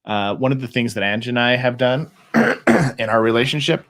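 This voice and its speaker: Male course co-host, mid pitch, casual, animated, does voices in his stories. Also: moderate pace. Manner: animated, acts out quoted voices in anecdotes. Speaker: podcast host and marriage course teacher. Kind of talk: casual teaching talk.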